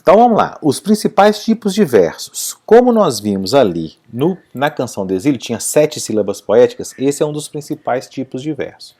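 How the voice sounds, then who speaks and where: A man teaching a video lesson, his voice mellow and dark in tone. His pitch moves a lot as he explains step by step. He keeps checking that his listeners follow along. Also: sing-song, brisk, hardly any pauses.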